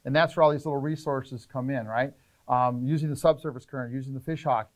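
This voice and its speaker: A middle-aged man, a fishing charter captain, explaining trip planning in casual, energetic interview talk in an indoor tackle shop. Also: medium pitch. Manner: energetic, gestures a lot, lists points rapidly.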